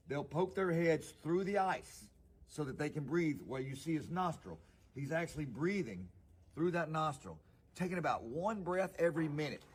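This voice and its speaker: A man enthusiastically explaining wildlife, loud and showman-like. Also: on the high side, slight background noise. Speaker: wildlife guide.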